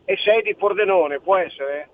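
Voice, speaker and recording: A man's voice: high voice, normal speed, a little hiss or hum. A man calling in to a radio talk show over a telephone line, arguing his point in an insistent, rambling way. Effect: heard over a telephone line. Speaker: caller. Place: on a phone, away from the studio. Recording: tinny phone line, dry.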